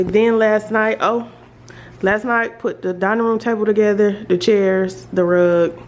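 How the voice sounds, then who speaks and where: A woman with a Southern American accent gives a casual, rambling house tour to viewers, thinking aloud as she goes. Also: mid-range voice. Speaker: home makeover vlogger. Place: indoors, rooms of a house. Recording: noisy handheld home recording, household ambience. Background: clear background noise.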